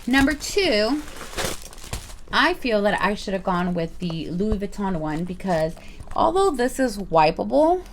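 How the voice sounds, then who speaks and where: A woman's voice: medium pitch, big pitch swings, a little slow, a little hiss or hum. Chatty rambling woman vlogger. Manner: chatty, rambling, playful asides. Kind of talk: casual product review vlog.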